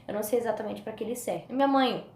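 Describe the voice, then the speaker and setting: Brazilian woman vlogger, high and fast, animated testimony storytelling, roomy echo. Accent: Brazilian Portuguese. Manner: animated, acts out voices and screams from the story. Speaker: vlogger telling a personal testimony. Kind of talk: personal storytelling. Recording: echoey room with faint noise.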